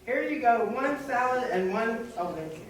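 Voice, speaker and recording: A woman's voice: a little high, expressive, unhurried. A woman acting a grumpy, bossy short-order cook, exasperated and stumbling over words in an amateur stage comedy. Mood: impatient. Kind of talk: amateur comic stage play. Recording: distant echoey hall, faint noise.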